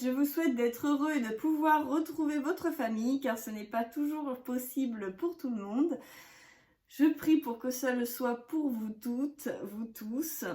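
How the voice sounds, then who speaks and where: Chatty woman vlogger in an echoey room. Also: sits high. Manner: chatty, with many hesitations and soft laughs. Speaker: scrapbooking vlogger. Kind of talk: casual haul chat to camera.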